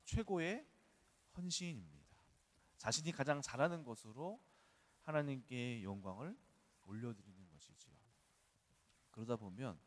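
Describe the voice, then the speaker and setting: A male pastor preaching at an early-morning church service, talking in a conversational way and weaving in personal stories. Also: mid-range voice. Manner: conversational, storytelling with personal anecdotes. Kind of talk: dawn service sermon.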